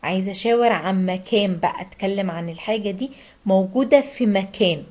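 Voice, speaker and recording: Egyptian-accented woman teacher giving a lesson, steady explanations with slowed examples. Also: mid-range voice. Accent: Egyptian Arabic. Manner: slow, drawn-out Turkish example phrases between Arabic explanations. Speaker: Turkish language teacher. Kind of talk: language lesson.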